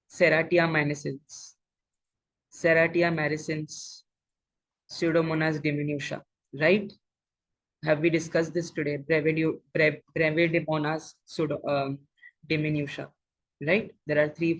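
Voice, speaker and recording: A mid-pitched exam coach of unclear sex with an Indian accent, teaching interactively online, mixing English with Hindi, repeating phrases and often checking that students follow. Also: rough recording. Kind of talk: interactive lecture, quizzing students. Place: live online class over video call.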